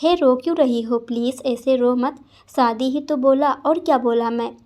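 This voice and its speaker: A woman voicing a calm, domineering young male mafia boss who speaks softly but gives orders. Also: high-pitched, normal speed, natural voice. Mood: coaxing. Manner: soft-spoken, commanding.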